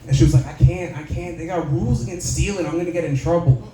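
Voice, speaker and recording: A man telling a stand-up story on a club stage, laid-back and deadpan, his voice on the higher side. The room rings with echo around the mic. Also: fast. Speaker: stand-up comedian. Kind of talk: stand-up set.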